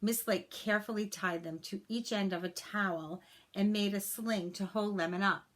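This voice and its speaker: Reading to children, a woman delivers the story slowly and with expression, adding her own personal comments along the way. Her voice is of medium pitch.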